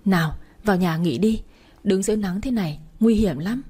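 A woman's voice: mid-range voice, a little fast, mellow, breathy edge, close to an everyday voice. A woman voicing a tearful older mother who pleads with her husband in a storybook. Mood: pleading.

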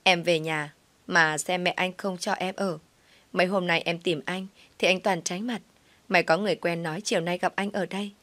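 Woman as a shrill, accusing pregnant young woman. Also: fairly even intonation, normal speed, fairly bright tone, dry recording, lightly acted. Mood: pleading. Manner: pleading, accusing, crying out.

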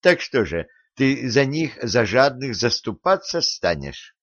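Guy doing a bratty teenage boy, sharp-tongued and quarrelsome, dry dull audiobook recording. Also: mid-range voice, sing-song, slow, dry recording, voice pushed up, exaggerated voice. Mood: haughty. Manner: haughty, quarrelsome, raising his voice.

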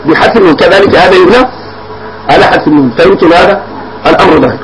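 Man, Moroccan accent, high voice, grammar teacher, quizzing students, noisy background with traffic. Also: racing. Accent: Moroccan Arabic. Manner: quizzes the class with repeated questions. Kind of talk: classroom lesson.

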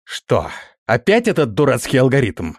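A man doing a shrill, squealing panicky prince. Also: huge pitch swings, moderate pace, husky, no room sound, studio quality, heavily acted. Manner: squealing, whiny, bossy outbursts. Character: panicky, shrill, petulant male prince, middle-aged.

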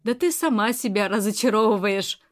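A woman's voice: mid-range voice, animated, fairly quick, lightly acted. Woman voicing a bitter, weary rich man.

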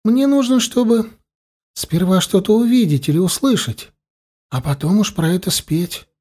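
A man's voice: high voice, animated, moderate pace, mellow, pitched above the performer's own voice. A man doing a timid, frightened teenage boy. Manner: stammering, faltering.

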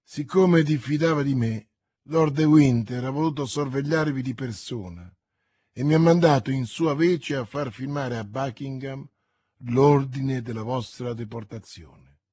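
A man's voice: medium pitch, a little slow, dark tone, slightly rough. A man voicing a grim, resolute young officer in an audiobook reading. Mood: explaining.

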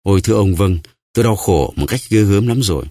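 A man's voice: fairly low pitch, expressive, fast talker, warm tone, dry recording, studio quality. A man voicing a desperate, starving male prisoner who stammers and pleads, in an audiobook. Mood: pleading. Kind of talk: audiobook character voice.

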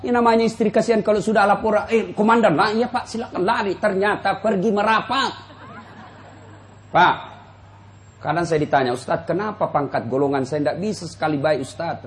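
A man preaching a humorous sermon to a live audience, addressing them directly and acting out quotes with big jumps in pitch. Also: slight background noise. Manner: jokes, addresses listeners directly. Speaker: Islamic preacher.

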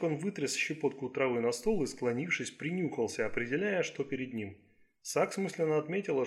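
A man reading an audiobook in a steady, even scripted narration. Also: on the high side.

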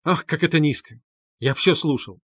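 Guy reading does a fired-up earnest young man, high and loud, keeps repeating himself, dry close sound. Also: big pitch swings, moderate pace, breathy edge, dry recording. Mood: indignant. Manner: heated, insistent, repeating himself. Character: excitable indignant young man, earnest witness.

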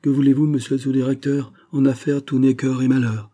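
A man voicing a calm, self-assured male engineer with a level, faintly ironic manner in an audiobook reading. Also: mid-range voice, fast talker, voice pushed up, lightly acted. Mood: cool.

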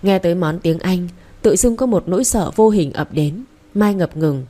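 A woman narrating a romance novel as an audiobook, reading steadily and gently. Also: lowish voice, animated, moderate pace.

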